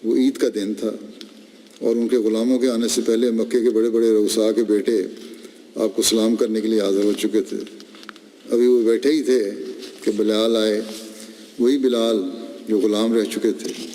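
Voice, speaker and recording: A man delivers a Friday sermon, unfolding a story at a slow, measured pace. His voice is mellow and dark. It rings with the long reverb of a large hall. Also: fairly low pitch, level tone, slight background noise. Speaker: preacher. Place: mosque.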